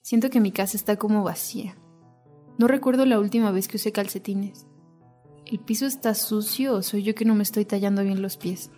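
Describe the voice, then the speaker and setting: A woman speaks scripted narration for a documentary podcast, reflective and intimate. Her tone is mellow and dark at a middle pitch. Faint music plays behind her. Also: brisk. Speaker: narrator and host.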